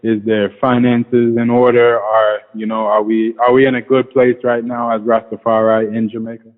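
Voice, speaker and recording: A man's voice: medium pitch, flat delivery, normal speed, phone-quality sound. A man interviewing in a conversational, hesitant and informal way, using Rasta speech. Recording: band-limited radio-like sound with long reverb.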